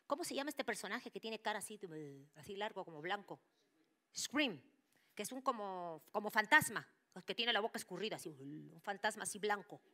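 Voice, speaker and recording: A woman preaching to her church, telling a personal testimony with lively storytelling and dropping into whispers for quoted voices. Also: mid-range voice, fairly quick. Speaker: church speaker.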